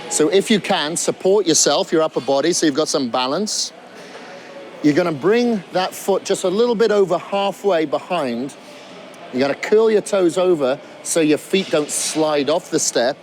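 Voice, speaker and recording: A man's voice: a little high, lively intonation, moderate pace, a little mellow, slight background noise. A man coaching beginners through a gym workout, talking while he demonstrates exercises and sometimes out of breath. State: out of breath at times. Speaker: fitness trainer.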